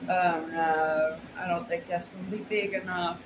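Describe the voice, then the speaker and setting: Speaking at an unhurried pace in a voice on the low side with fairly even intonation, a middle-aged shopping haul vlogger rambles casually in short bursts as she shows her buys to camera. The setting is a small, plain room at home, captured in a noisy recording with roomy echo.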